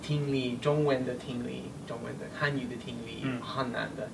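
A young man speaks Mandarin as a foreigner, with a non-native accent and a halting, word-hunting delivery. His pitch is average, and he sits back from the microphone in a noisy room. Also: fairly even intonation, creaky. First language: not Mandarin. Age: 20s. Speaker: learner of Chinese. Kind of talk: casual conversation in halting Mandarin. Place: small indoor room, seated on a sofa. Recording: distant mic, noisy room ambience.

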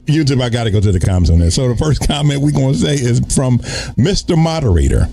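Animated, laughing man podcast host. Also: mid-range voice, quick pace. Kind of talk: casual comedy chat.

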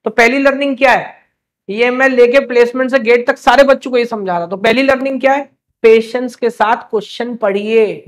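Quick questions and lighthearted scolding fill this live class, where a young man with an extremely high-pitched voice keeps his students motivated.

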